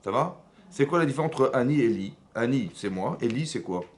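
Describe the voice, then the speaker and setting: A man with a French accent, a rabbi giving a lively Torah lesson in a synagogue, often asking his listeners questions and raising his voice to stress points. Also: a little fast. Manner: animated, asks the audience questions, rises in pitch and loudness to stress points. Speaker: rabbi teaching a class.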